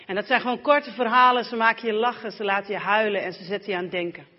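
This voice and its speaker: A woman interpreting a sermon in church and reading scripture aloud in a steady, measured way. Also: mid-range voice. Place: church hall. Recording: dull lo-fi sound with long hall reverb.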